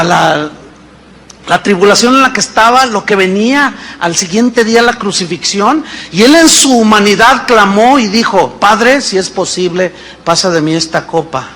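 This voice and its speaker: A man in his fifties preaching a sermon as pastor, animated and full of rhetorical questions. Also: high voice, slight background noise. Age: 50s.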